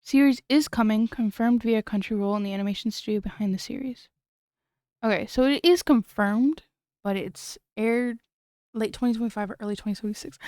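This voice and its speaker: A woman's voice: mid-range voice, a little mellow, no echo, studio quality. A young woman chatting casually on a late-night stream, giggly and rambling, often trailing off and restarting.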